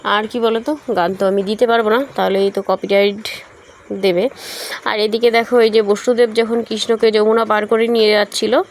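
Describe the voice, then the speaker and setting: A woman's voice: medium pitch, flat delivery, normal speed, slight background noise. A young woman from West Bengal narrating a casual travel vlog, talking straight to her viewers with fillers and self-corrections. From West Bengal, India. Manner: chatty, addresses viewers directly, many fillers and self-corrections. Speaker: vlogger.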